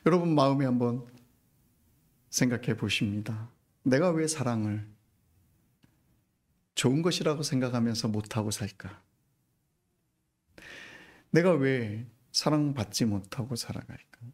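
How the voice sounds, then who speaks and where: A middle-aged man pastor preaching a sermon, moving from hushed, almost whispered lines to loud, pleading rhetorical questions. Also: medium pitch, unhurried, long pauses.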